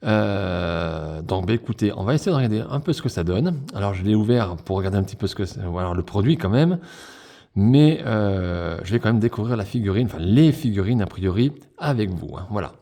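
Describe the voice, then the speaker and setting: A man talks his way through an unboxing, gushing and correcting himself as he goes. His voice sits low and sounds mellow and warm rather than bright. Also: lively intonation, fairly quick. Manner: enthusiastic, chatty, many fillers and self-corrections. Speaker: toy collector reviewing a figure pack. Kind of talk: casual unboxing review.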